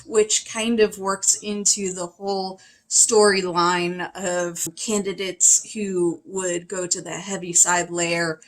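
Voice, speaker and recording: A woman reviewing a film in a casual, opinionated way, chatty and animated, with sudden high exclamations. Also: low-quality recording. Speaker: video reviewer.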